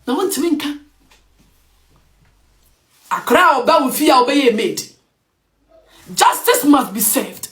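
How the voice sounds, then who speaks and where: A woman's voice: high voice, sing-song, measured pace, pauses often. A woman with a Ghanaian accent giving an emphatic opinion rant as an online commentator, switching between English and Twi.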